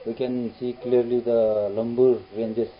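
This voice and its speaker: A man's voice: mid-range voice, little pitch movement, measured pace. Male in his twenties from India, plain mid voice, short simple answers; muffled recording. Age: 20s. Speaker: lodge owner. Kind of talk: interview answers.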